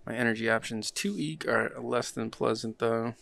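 Gravelly man narrating his card game. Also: mid-range voice, moderate pace, fairly bright tone. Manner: easygoing, laughs often, thinks aloud. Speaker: card game player and channel host. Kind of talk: casual play-by-play while playing a card game.

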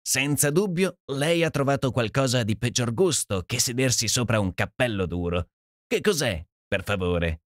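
A man's voice: medium pitch, expressive, unhurried, fairly bright tone, smooth, dry recording, studio quality. A man reading an audiobook and voicing a stiff, sarcastic elderly millionaire who speaks with magisterial dignity. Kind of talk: audiobook character voice.

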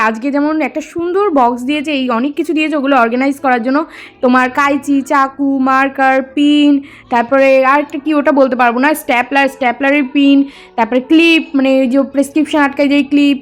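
Fast, high-voiced woman vlogger. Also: steady tone. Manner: chatty, listing items to viewers. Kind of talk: casual home vlog narration.

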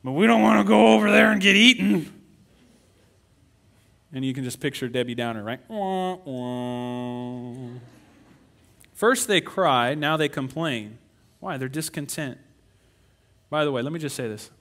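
Male pastor, middle-aged, bright higher voice, animated sermon delivery with put-on complaining voices. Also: normal speed, vocal fry, long pauses. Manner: animated preaching, acting out whiny complaining voices.

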